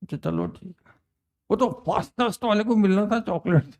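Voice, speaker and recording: A man's voice: high voice, moderate pace, darkish tone. An older man, teaching a chemistry class in a chatty way, quizzing students and reminiscing between questions. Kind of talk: classroom lecture.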